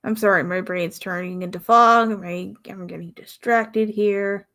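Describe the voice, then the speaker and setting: A young woman from the American South hosting her own podcast in a casual, rambling way, pausing often and sighing. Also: medium pitch, steady tone, fairly bright tone. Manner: rambling, pauses often, sighs. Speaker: podcast host. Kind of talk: casual solo podcast talk.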